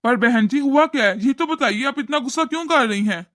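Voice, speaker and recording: A voice actor playing a worried, polite middle-aged father in a cartoon, pleading to calm things down. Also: extremely high pitch, quick pace. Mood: appeasing. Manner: pleading, appeasing.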